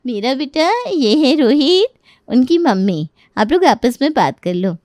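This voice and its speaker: A woman's voice: sits high, sing-song, a little slow, a little mellow, no room sound, clean studio sound. A woman voicing a confident, persuasive middle-aged matchmaker in a cartoon story. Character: pushy middle-aged female matchmaker neighbour.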